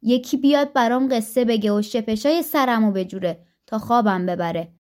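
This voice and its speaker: A woman voicing an ugly, hungry male div demon who makes slow, drawn-out, bossy demands in a spoken storybook tale. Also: a little high, darkish tone, close to an everyday voice. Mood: demanding.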